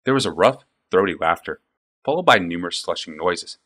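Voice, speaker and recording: A man narrating a fantasy audiobook with an expressive, varied delivery. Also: deep voice, brisk.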